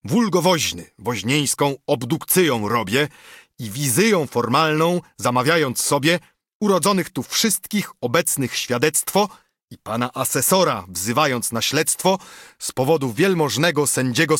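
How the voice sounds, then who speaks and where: A man's voice: medium pitch, animated, measured pace, fairly bright tone, breathy edge, dry recording, clean studio sound, voice pushed up. A man doing a pompous court usher. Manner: pompous, formal legal proclamation. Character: pompous old court usher, formal and fussy.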